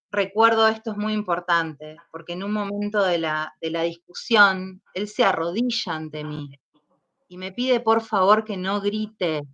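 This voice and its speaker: Slow-spoken Argentine woman giving testimony. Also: medium pitch, a bit bright. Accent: Argentine Spanish. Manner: slow and hesitant, recalling painful events. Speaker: interview guest. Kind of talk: personal testimony in an interview. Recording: dull lo-fi sound.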